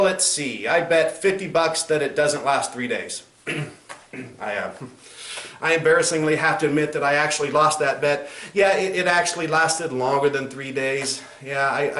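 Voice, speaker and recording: A man playing a crude, cynical clown pitchman in a spoof infomercial, swearing and mock-sincere as he sells insulting greeting cards. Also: normal speed, a bit bright, close to an everyday voice. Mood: dry, mock-sincere. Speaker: comedian in character as a clown. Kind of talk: spoof infomercial sales pitch with recited rhyming card verses. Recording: roomy echo, faint background noise.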